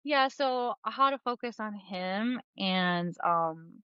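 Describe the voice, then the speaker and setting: Rambling woman guest, smooth muffled voice. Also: medium pitch, lively intonation, slow, dry recording. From New Jersey. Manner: rambling with many fillers and laughs. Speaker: podcast guest, comic book artist. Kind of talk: casual conversational interview.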